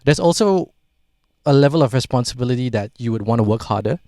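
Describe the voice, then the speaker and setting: A man's voice: mid-range voice, expressive, quick pace, mellow, no echo, clean studio sound. Laid-back podcast guy. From Singapore. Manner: rambling, swears freely, frequent "like". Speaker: podcast host. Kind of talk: casual podcast chat.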